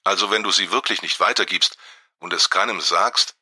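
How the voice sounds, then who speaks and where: A man voicing a friendly, brisk female detective in an audiobook, speaking in a quick, lively way. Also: deep voice, slightly rough, no room sound, studio quality, heavily acted. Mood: cheerful, surprised.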